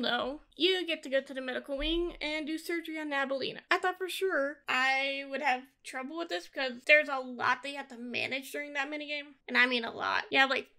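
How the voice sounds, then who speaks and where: Woman, high bright voice, casual gameplay commentary, informal, blunt complaints. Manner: informal, griping, bluntly opinionated. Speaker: gamer reviewing a video game.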